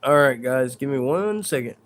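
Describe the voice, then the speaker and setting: Hosting a paranormal live stream at home in his bedroom, a man speaks in an animated mid-range voice at a moderate pace, with a little hiss or hum on the audio. He rambles hesitantly, chatting with viewers and with spirits he says are near.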